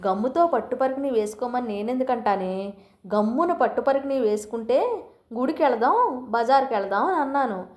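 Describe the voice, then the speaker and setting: A woman's voice: fairly high pitch, lively intonation, normal speed, lightly acted. A woman doing a joking old grandfather. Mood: playful. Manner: playful, joking. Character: jovial old grandfather who jokes with family. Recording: roomy echo.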